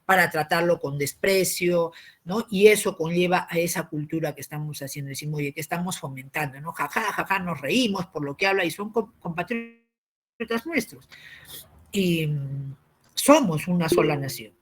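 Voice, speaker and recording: A man, giving a civics lesson as a teacher. He explains patiently, often tags his points with a question and clears his throat. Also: on the high side, moderate pace.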